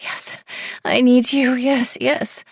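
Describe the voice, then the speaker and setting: A woman narrator voicing an eager young woman with breathy, pleading, breathless replies. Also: a little high, takes it slowly, no echo, pitched above the performer's own voice.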